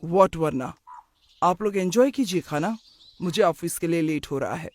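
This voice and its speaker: A performer voicing a young man in an animated moral story who drops English slang and sounds casual and dismissive. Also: medium pitch, measured pace, close to an everyday voice. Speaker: son.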